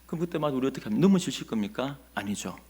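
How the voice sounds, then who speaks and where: A male pastor, preaching a Sunday sermon as an animated storyteller who asks the congregation questions. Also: mid-range voice, racing, breathy edge.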